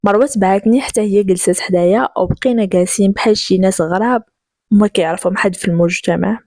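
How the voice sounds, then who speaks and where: A Moroccan woman telling a first-person story, lively and quick to slip into the characters' voices. Her voice sits at a middle pitch. The recording is dry and close to the mic. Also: no room sound.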